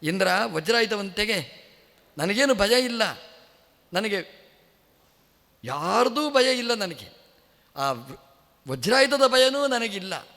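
A man's voice: high-pitched, lively intonation, moderate pace, a bit bright. A man voicing a fearless demon king who makes proud, defiant declarations. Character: fearless demon king facing his death in battle. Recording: echoey temple hall.

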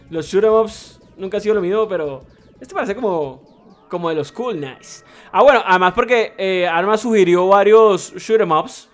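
A man streaming a retro shooter live, excitable and swearing, reading chat messages aloud. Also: high voice. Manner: excitable, swearing, laughing, mixing English slang. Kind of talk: live gameplay commentary.

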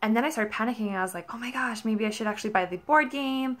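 A woman's voice: a little high, quick pace. A young American woman chatting casually to camera in a rambling review, peppering her story with filler likes. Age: young adult. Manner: rambling, animated storytelling with frequent "like". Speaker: vlogger reviewing a product. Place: carpeted living room at home.

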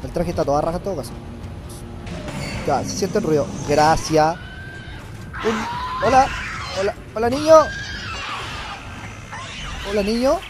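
Chilean young man, stuffy nasal cold voice, high and very animated, crude jokey let's-play chatter with yelled curses, loud game music behind. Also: unhurried, long pauses. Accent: Chilean Spanish. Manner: crude, joking, bursts into loud swearing yells. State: has a cold, slightly nasal. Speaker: gameplay commentator. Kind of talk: casual let's-play commentary.

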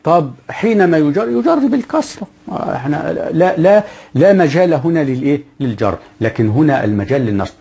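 Egyptian man teaching grammar, husky voice. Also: on the high side, expressive, warm tone. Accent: Egyptian Arabic. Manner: asks questions and answers them himself; slows down to spell out example phrases. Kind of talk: grammar lesson.

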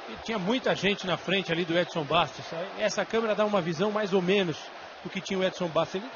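A man's voice: high-pitched, fast talker. A Brazilian man analysing a live football match in an emphatic, explanatory way. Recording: dull broadcast audio with stadium noise.

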